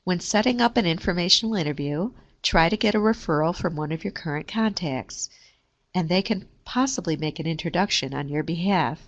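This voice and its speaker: A woman reading a scripted careers lesson in a steady, measured way. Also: on the low side, highs cut off. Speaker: career services presenter. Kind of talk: scripted instructional narration.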